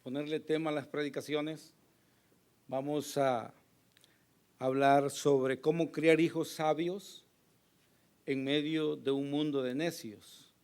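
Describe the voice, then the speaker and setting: A male pastor preaching a sermon with a hoarse voice, earnest and emphatic, pausing to address the congregation. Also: a little high, a little mellow. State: hoarse, recovering from lost voice.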